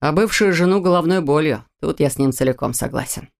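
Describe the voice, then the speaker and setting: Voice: medium pitch, brisk, creaky, lightly acted. A reader voicing a sneering crooked cop. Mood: menacing. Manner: curt, sneering. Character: rough corrupt cop with a gun, male, menacing.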